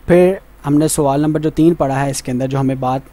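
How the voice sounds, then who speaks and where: A man gives a Quran reading lesson, patiently repeating points, asking questions to check understanding, and pronouncing Arabic letters slowly and carefully. His voice is slightly high, steady and mellow.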